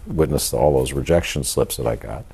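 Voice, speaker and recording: An older man speaking as an author in an interview, in a measured, halting, thoughtful and monotone way. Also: very deep voice, vocal fry, breathy edge. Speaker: author and journalist being interviewed. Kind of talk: reflective interview talk.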